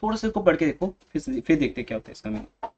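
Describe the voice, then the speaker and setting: A man's voice: on the high side, big pitch swings, racing, a little mellow, dull audio, slight background noise. A male commerce teacher giving a classroom economics lecture, coaching and scolding students on how to read theory aloud.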